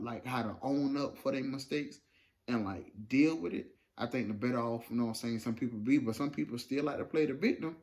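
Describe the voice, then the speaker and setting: A man's voice: mid-range voice, darkish tone. A man co-hosting a casual relationship talk show, speaking earnestly and conversationally. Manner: earnest, conversational, uses many fillers. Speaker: podcast co-host. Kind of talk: casual chat.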